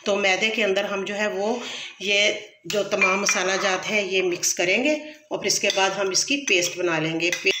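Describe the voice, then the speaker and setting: A woman's voice: medium pitch, steady tone, moderate pace, background noise. A woman hosting a cooking tutorial from her home kitchen, explaining each step patiently and often adding blessings. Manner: patient instructive, frequent blessings and self-corrections. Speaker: cooking channel host. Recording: echoey kitchen.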